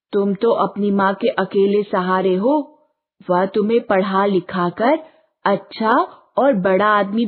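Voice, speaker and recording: A woman voicing a kind, wise little fairy child who gently reassures and gives advice, for a storybook. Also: mid-range voice. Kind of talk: storybook reading. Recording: tinny phone-like audio.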